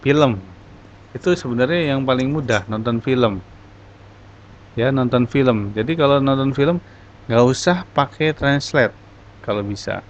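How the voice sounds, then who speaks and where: A man teaching a class, encouraging and patient as he explains things step by step. His voice sits at an ordinary middle pitch. The recording is dull and lo-fi, with a faint hiss behind him. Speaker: English teacher. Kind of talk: online class talk.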